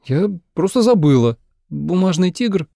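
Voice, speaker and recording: A quick-tempered young bride who sputters and bristles, as a male narrator puts her on in a far higher voice. The tone is lively and swings about, with a gravelly edge underneath. It sounds close and dry, like a storybook read into a studio mic. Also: no echo, heavily acted. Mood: huffy. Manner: indignant, sputtering. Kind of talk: audiobook character voice.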